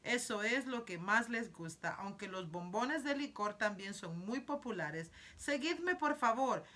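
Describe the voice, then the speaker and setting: A woman reading aloud as an eccentric, cheerful male candy-factory owner who shows things off quickly and excitedly. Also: fairly high pitch, heavily acted. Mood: eager.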